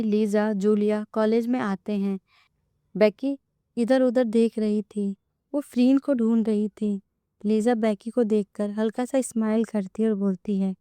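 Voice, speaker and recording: Woman narrating a romance story, smooth voice. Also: on the high side, warm tone, dry recording.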